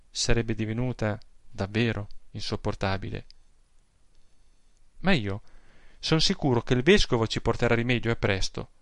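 A man reading a literary story aloud in a measured, reflective manner. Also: mid-range voice, no room sound, studio quality. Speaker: audiobook narrator.

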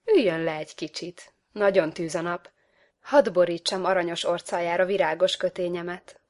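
A woman's voice: lowish voice, darkish tone, close to an everyday voice. A woman voicing a sly old village widow, a poisonous flower in a storybook, coaxing and folksy.

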